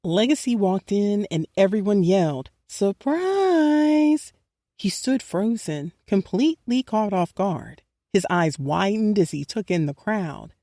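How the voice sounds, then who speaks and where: A woman's voice: mid-range voice, lively intonation, measured pace, dark tone, no echo, studio quality. A woman narrating a first-person audiobook in an emotional, intimate way.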